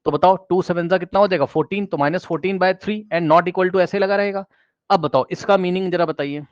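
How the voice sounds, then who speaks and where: Man, math teacher, high voice, asks the class questions, repeats key words, switches into English for math terms, dull dry recording. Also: moderate pace, no echo. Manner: addresses students directly, asks questions, repeats key phrases; mixes English math phrases into Hindi explanation.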